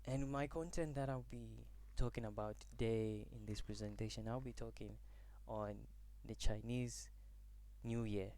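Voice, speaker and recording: A young man from Zambia speaks in a somewhat low voice. He delivers a prepared class presentation. He talks haltingly, breaking off and restarting phrases as he searches for the right word. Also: fairly even intonation, mellow. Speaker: student presenter.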